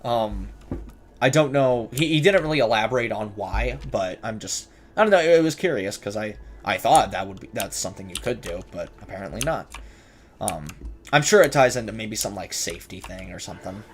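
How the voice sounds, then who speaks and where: Streaming a horror game, this man keeps up casual, jokey commentary, nervous about the scares and answering the characters back. His voice sits lowish and is expressive, moving a little fast, with clear background noise and the sound of keyboard typing and clicks.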